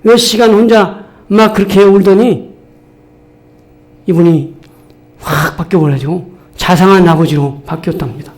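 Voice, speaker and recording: A male pastor delivering a sermon to his congregation, telling a story and rising to loud, emphatic exhortations. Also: sits high.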